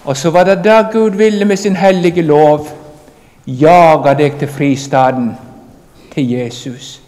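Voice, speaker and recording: A man delivers an earnest, emphatic sermon and speaks straight to his listeners. His voice sits a little high for a man. It carries a long hall reverb. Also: a little mellow. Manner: earnest, emphatic preaching, addressing the congregation directly. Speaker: preacher.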